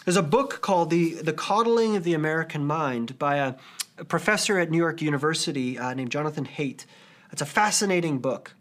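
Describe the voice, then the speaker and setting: A man in his thirties preaches with an earnest, conversational warmth, slipping easily into personal stories with a few casual fillers. His voice sits a little higher than most men's. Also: animated, fairly quick. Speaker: pastor. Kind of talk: sermon.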